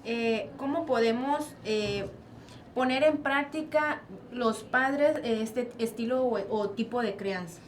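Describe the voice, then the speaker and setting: A woman's voice: on the high side, slow pace. A woman moderator with a Mexican Spanish accent, asking hesitant questions in a panel discussion. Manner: hesitant questioner, brief affirmations. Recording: distant mic with faint noise.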